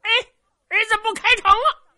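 A woman voicing a hot-headed young peasant man who shouts and sobs in an excitable, rash way. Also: very high-pitched, a little fast, pitched above the performer's own voice, heavily acted. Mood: startled.

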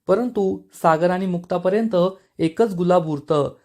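In an unhurried scripted recap of a TV serial, a man with a fairly raised voice narrates evenly and steadily. Any quoted lines come out plainly.

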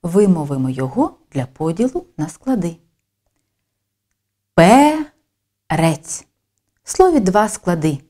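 A woman narrating a scripted primary-school phonics lesson, speaking slowly and deliberately and stressing each sound. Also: on the low side, sing-song, dark tone. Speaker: teacher.

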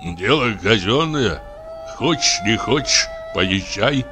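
A man's voice: fairly low pitch, lively intonation, slow pace, over music. A man voicing a frightened, superstitious village deacon who grumbles and rants tearfully. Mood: grumbling. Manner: grumbling, accusing, tearful muttering.

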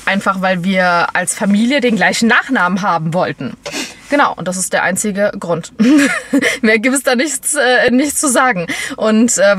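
A woman's voice: medium pitch, a bit bright. A young woman from Germany chatting casually to her viewers from a parked car at night, with lots of fillers and restarts. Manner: chatty, many fillers and restarts, laughs often. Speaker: vlogger. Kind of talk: casual vlog chat. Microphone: camera on dashboard. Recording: noisy car interior.

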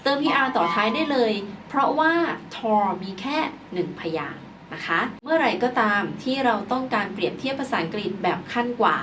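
A woman's voice: on the high side, big pitch swings, brisk, hardly any pauses. Female teacher, patient explainer, spells words out; recorded off-mic with audible noise. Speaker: English teacher. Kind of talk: explaining grammar lesson. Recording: distant mic with clear background noise.

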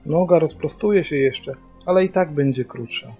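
A man's voice: fairly high pitch, moderate pace, warm tone, slightly rough. A man voicing a blunt older male rural shepherd who grumbles as he tends to an injured dog. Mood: gruff. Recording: dull lo-fi recording, faint music.

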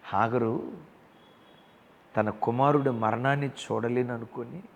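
A male pastor delivers an impassioned sermon with a gravelly, rough-edged voice. He speaks straight to his listeners as brother and sister and builds toward forceful passages. His voice rings out with a long reverb in a big hall over a faint murmur of ambience. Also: mid-range voice, fairly even intonation, takes it slowly, a little hiss or hum. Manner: impassioned preaching that swells into loud emphatic passages.

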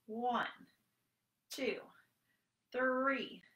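Her fairly high, fairly bright voice moves very slowly as she leads storytime for small children, sing-song and encouraging, the way a librarian would. She's a woman in her thirties in a small room at home; the webcam audio has roomy echo and the highs are cut off.

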